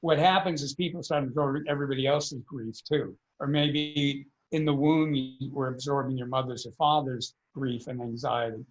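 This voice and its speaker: A man's voice: mid-range voice, steady tone, moderate pace, hardly any pauses, dull audio. A man, a podcast guest, earnestly explaining energy work in a conversational interview, often repeating words as he thinks.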